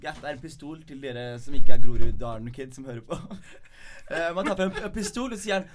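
A man's voice: medium pitch, slight background noise. A young man from Norway, a guest comedian, telling stories in a casual podcast chat with playful bravado. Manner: animated storyteller, playful bravado.

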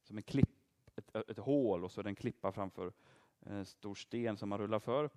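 Lively man teaching Bible story. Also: on the low side. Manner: lively, asks the audience questions and praises answers. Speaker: preacher teaching a group.

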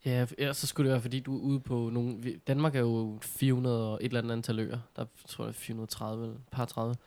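A man in casual conversation, telling things in an informal, animated way with mild slang. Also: mid-range voice. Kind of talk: casual chat.

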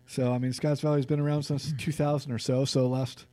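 Californian male co-host, casual stat-heavy chat, warm tone, dry mic. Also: mid-range voice, brisk, no room sound. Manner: reads stats, relaxed and conversational. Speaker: sports podcast co-host.

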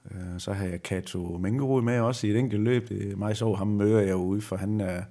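Gravelly deep-voiced man, slow and halting. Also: steady tone, dark tone. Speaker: retired rally driver as guest. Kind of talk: conversational interview.

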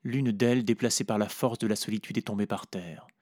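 Low-voiced man reading literary fiction. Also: steady tone, a little mellow, no echo, studio quality. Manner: measured, reflective storytelling. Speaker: narrator. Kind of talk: literary audiobook narration.

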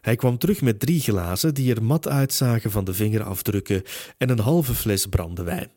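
Low, warm-voiced male audiobook narrator. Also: moderate pace, no echo, studio quality. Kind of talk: first-person scripted narration.

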